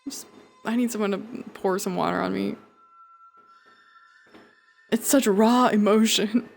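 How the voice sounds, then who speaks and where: A woman with a slightly high voice plays a video game on a live stream, chatting casually and jokingly with her chat and swearing freely.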